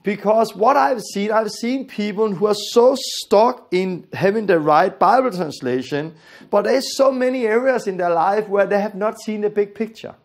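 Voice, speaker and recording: A man's voice: high-pitched, normal speed. A man from Denmark with a Danish accent and Danish as his first language, giving an earnest, emphatic Bible lesson that repeats its key phrases. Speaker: Bible teacher.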